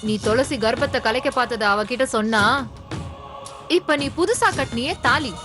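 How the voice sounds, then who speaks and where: Brief: actress as a threatening, accusing woman, high voice, clear music bed under. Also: animated, moderate pace, natural voice. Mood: menacing. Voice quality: menacing, accusing. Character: vengeful woman threatening a man. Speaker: character in a TV serial. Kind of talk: TV serial acting. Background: dramatic background score.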